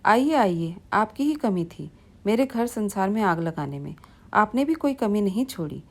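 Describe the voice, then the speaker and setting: A woman's voice: medium pitch, animated, moderate pace, a little mellow. A woman voicing a stern, angry young husband. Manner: stern, reproachful. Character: young husband, angry, protective of his mother. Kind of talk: storybook reading.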